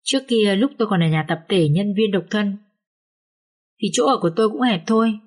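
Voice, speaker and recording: A woman narrating an audiobook story in the first person, with a slow, sorrowful telling. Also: medium pitch, animated. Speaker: audiobook reader.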